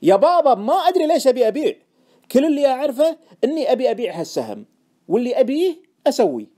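A man's voice: sits high, sing-song, very fast, mellow, pitched above the performer's own voice. A man voicing a stubborn male trader who keeps insisting on his gut feeling, in an audiobook. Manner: stubborn, matter-of-fact replies. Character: calm, stubborn male trader narrator's younger self.

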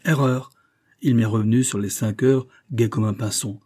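A man's voice: mid-range voice, fairly even intonation, normal speed, mellow, husky, lightly acted. A man voicing an eager male servant who spies for his boss and reports to him humbly and at length. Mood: reporting. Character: eager, deferential male servant turned spy.

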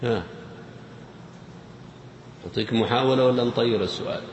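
A man's voice: mid-range voice, brisk, lo-fi sound. A man teaching a grammar lesson, quizzing his audience in a playful, teasing way. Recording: echoey hall with faint noise.

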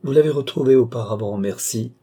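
A man voicing a vain, imperious young countess in an audiobook, brisk and teasing. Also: medium pitch, dark tone, slightly rough.

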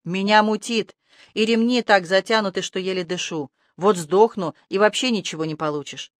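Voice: mid-range voice, moderate pace, no echo, clean studio sound, lightly acted. An audiobook narrator voicing a sarcastic, scruffy male talking rat with a mocking, needling manner. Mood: complaining. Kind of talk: audiobook character voice.

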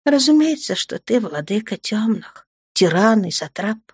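A warm, emotional mother speaks with a lively, rising voice, as a woman reader plays her. The storybook sound is close and dry. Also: medium pitch, a little slow, slightly rough, no room sound, full character voice.

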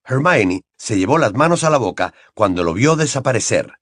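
A man narrating an audiobook with an expressive storytelling cadence. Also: medium pitch, moderate pace, no room sound, clean studio sound.

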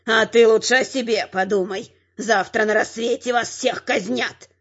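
A man's voice: sits high, steady tone, normal speed, breathy edge, lo-fi sound, exaggerated voice. A man doing a jeering fat prison guard. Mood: threatening. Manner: jeering, loud. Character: fat mocking male prison guard, crude and cruel.

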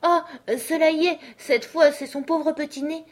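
A woman's voice: high-pitched, steady tone, normal speed, pitched above the performer's own voice, lightly acted. A woman voicing a polite, timid young girl in a storybook reading, earnest and a little anxious.

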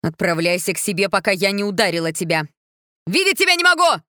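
A woman voicing a jealous, cruel queen who shouts and mocks in an audiobook. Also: expressive, a little fast, no echo, studio quality, close to an everyday voice. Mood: furious. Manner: shrill shouting and biting sarcasm.

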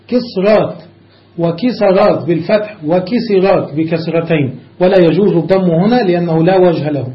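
A man with a high voice leads a classroom grammar lesson. He keeps asking his students rhetorical questions and drills word forms one after another. The recording is dull and lo-fi. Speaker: sheikh teaching Arabic grammar.

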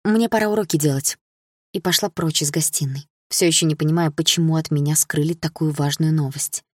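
Woman reading a novel out loud, lowish husky voice, dry close sound. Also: little pitch movement, fairly quick, no room sound. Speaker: audiobook narrator. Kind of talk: first-person novel reading.

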